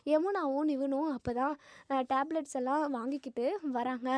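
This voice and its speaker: High-voiced woman recapping a serial. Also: steady tone, moderate pace, a little mellow, no room sound, clean studio sound. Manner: chatty retelling with frequent fillers and restarts. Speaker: serial episode reviewer. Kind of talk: casual spoken storytelling recap.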